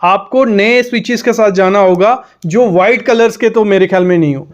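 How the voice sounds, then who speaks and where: Male interior design advisor, fairly high voice, direct instructional delivery. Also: fairly quick, dull audio. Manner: direct, advice-giving, talks straight to the viewer. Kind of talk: instructional home design explainer.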